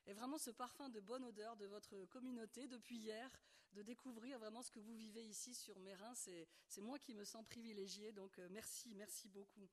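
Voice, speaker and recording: A woman's voice: a little high, fairly even intonation, moderate pace. A woman from France with a French accent, preaching a sermon in a chatty way with laughing asides to the congregation. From France, Bordeaux. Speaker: guest preacher, theologian.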